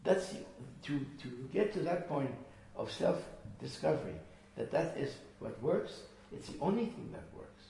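A man's voice: a little high, animated, a little slow, creaky, hardly any pauses, mellow. A man teaching a small group, earnest and emphatic, often repeating his phrases. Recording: echoey room from far off with faint noise.

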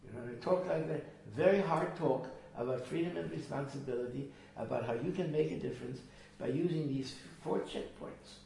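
A man's voice: medium pitch, normal speed, creaky, few pauses, warm tone. A man teaching a small group, earnest and emphatic, often repeating his phrases. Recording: echoey room from far off with faint noise.

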